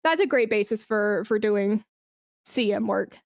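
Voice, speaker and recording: A woman who works as an esports brand and community manager appears as a podcast guest, giving career advice in an informal, encouraging, emphatic way during a conversational interview. Her mid-range voice is unhurried, and the audio is studio quality with no echo.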